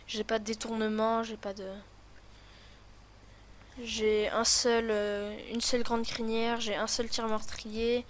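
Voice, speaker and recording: A woman's voice: a little high, flat delivery, takes it slowly, slight background noise. A woman with a lisp on her s sounds, rambling and thinking aloud in casual commentary as she hosts a gaming video.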